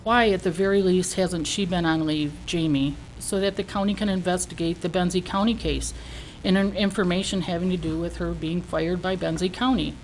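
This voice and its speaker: A woman's voice: on the low side, steady tone, moderate pace, hardly any pauses, darkish tone, poor audio. A woman gives a prepared public comment at a meeting, speaking in an emphatic, indignant manner. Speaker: citizen giving public comment. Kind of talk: prepared speech of complaint. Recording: faint noise, meeting room.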